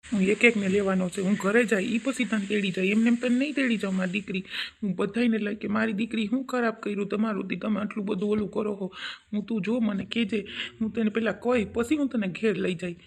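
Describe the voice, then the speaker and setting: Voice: medium pitch, steady tone, fast talker, vocal fry, husky. A voice actor playing a caring middle-aged father who questions and reassures his crying daughter. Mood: reassuring. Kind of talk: Gujarati cartoon voice acting.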